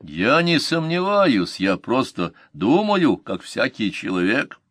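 A man's voice: mid-range voice, very animated, slow, a bit bright, breathy edge, no room sound, studio quality, exaggerated voice. Man doing a nervous young slinger. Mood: hesitant. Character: timid young male slinger, nervous but devoted.

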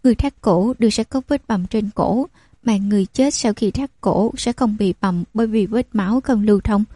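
A woman voicing a cool, sharp young noblewoman who speaks with calm command. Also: medium pitch, moderate pace, husky, no room sound, lightly acted.

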